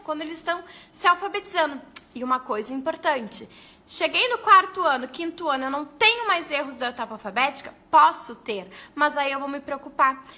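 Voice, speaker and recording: A woman giving a live lesson to fellow teachers, speaking to her viewers in a lively, animated way. Her voice sits high and sounds bright and crisp. She comes through a webcam-style live stream setup.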